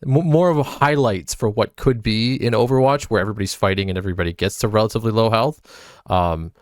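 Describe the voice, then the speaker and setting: A man's voice: fairly low pitch, quick pace, no echo, studio quality. A man hosting a casual group chat about a game, rambling and correcting himself as he talks. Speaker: host.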